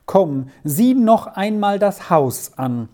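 An anxious, pleading old housekeeper from a storybook, put on by a female reader. She talks with slow, soft urgency in a dark, mellow tone, pitched a little above the reader's own low voice. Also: sing-song. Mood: worried pleading.

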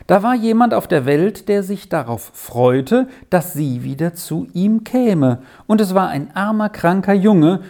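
A storyteller reading a children's story aloud in a slow, expressive way. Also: mid-range voice.

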